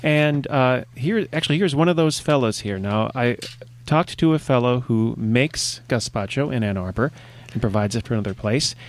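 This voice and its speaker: A man's voice: mid-range voice, normal speed. A man hosting a radio show, chatting casually in a playful, meandering way. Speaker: radio host.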